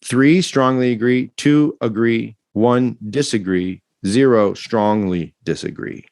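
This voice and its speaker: A man guesting on a podcast, talking in an animated, rambling way and often turning to address the host. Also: mid-range voice, slow pace, no room sound, clean studio sound. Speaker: guest, non-profit founder and educator. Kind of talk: casual podcast conversation.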